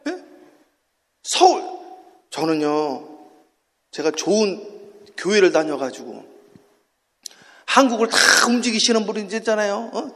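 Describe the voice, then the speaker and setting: High-voiced fervent male pastor, hall echo. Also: very animated, measured pace, pauses often. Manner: impassioned, shifts from hushed to shouting; leads the congregation in call-and-response. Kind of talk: early-morning sermon. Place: church sanctuary. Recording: long church hall reverb.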